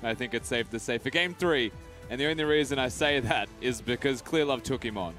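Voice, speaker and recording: A man's voice: mid-range voice, fairly quick, a bit bright, faint music behind. A man hosting a casual esports desk discussion.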